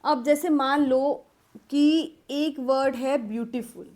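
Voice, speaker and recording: A woman teacher with an Indian accent explains English vocabulary terms, switching between Hindi and English. Her voice sits high, and she speaks at an unhurried, dictating pace, repeating phrases while writing them out for students she calls "beta". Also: steady tone, darkish tone. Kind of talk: classroom vocabulary lesson, Hindi mixed with English.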